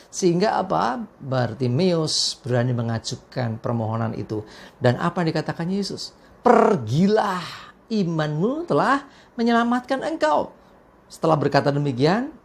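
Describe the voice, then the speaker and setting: A woman pastor from Indonesia giving a morning devotional sermon as a lively storyteller, briefly acting out the people in the story. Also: medium pitch, vocal fry.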